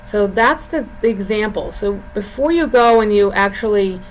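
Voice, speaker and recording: A woman college design instructor giving an informal recorded lesson and screen walk-through, explaining in a halting, drawn-out way. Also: mid-range voice, poor audio. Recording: clear background room noise.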